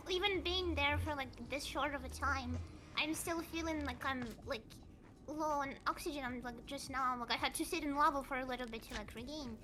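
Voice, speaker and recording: A woman's voice: high-pitched, sharp tone, a little hiss or hum. A woman doing in-character game roleplay, stammering and repeating her words as she talks.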